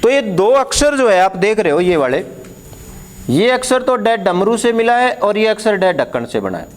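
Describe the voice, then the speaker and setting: A man's voice: high-pitched, sing-song, moderate pace. A man teaching Hindi letters at a board, explaining patiently, repeating key words and putting questions to the class.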